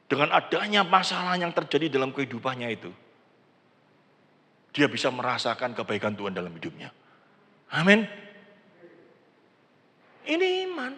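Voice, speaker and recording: An older pastor preaches in a big church, swinging his pitch widely as he acts out prayers. His voice is gravelly and bright. A long reverb from the hall trails behind every phrase. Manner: animated preaching, acts out quoted prayers, mixes in Javanese words. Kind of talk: sermon.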